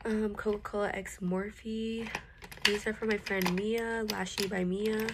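The recording, made on a phone camera in a bedroom at home, is very noisy. A teenage makeup vlogger with a stuffy, runny nose rambles casually through her vanity with lots of fillers, her medium-pitched voice flat and measured in pace.

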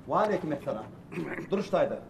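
A brisk, bossy organizer. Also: male voice, sing-song, creaky. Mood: chatting. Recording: distant mic, faint rumble.

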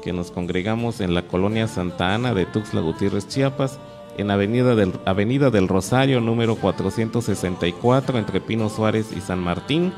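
A man preaching a sermon as pastor, earnest and measured, thanking his listeners at length. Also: on the low side, music in the background. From Mexico.

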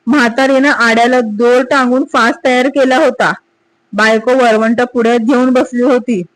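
High-voiced woman reading a story. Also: steady tone, moderate pace, low-quality recording. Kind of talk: storybook narration.

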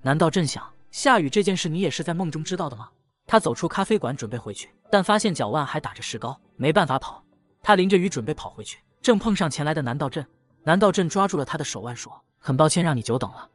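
A man narrating a comic recap in a brisk storytelling manner. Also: a little high, expressive, a bit bright, soft background music.

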